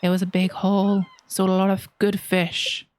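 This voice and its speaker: A woman's voice: medium pitch, monotone, moderate pace, darkish tone, close to an everyday voice. Woman doing Willy, a growly old sea-dog fisherman. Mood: hearty.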